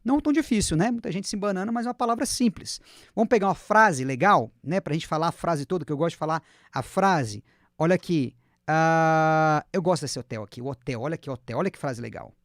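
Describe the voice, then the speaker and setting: Chatty and upbeat, this Portuguese-speaking man runs an online English class, encouraging learners and slowly repeating words for them to imitate. His voice is on the high side, captured with clean studio sound and no echo.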